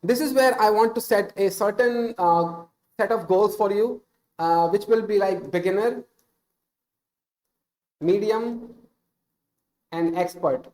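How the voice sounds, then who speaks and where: Slow and pausing often, this man has a high voice with a darkish tone. He's in his thirties, a native Hindi speaker with an Indian accent, casually giving unscripted advice about speaking English on a stream. He's earnest, full of little "uh"s, and often corrects himself.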